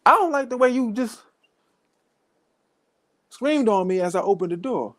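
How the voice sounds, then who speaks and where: A man voicing an angry, foul-mouthed woman neighbor who cusses someone out loudly. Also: sits high, lively intonation, racing, voice pushed up. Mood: furious. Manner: cussing, loud and outraged.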